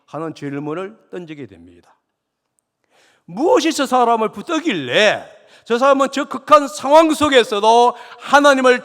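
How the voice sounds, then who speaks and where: Pastor guy preaching, kinda high voice, big church echo, gets loud then drops way down. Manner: earnest preaching, swelling louder on key points, then dropping low. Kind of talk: sermon. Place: church sanctuary. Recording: long church reverb.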